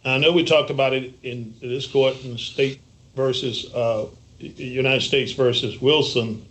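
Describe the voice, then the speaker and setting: Halting man questioning counsel as judge. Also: medium pitch, steady tone, a bit bright, poor audio. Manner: halting, repeats words while forming questions. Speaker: appellate judge. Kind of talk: questioning counsel at a court hearing.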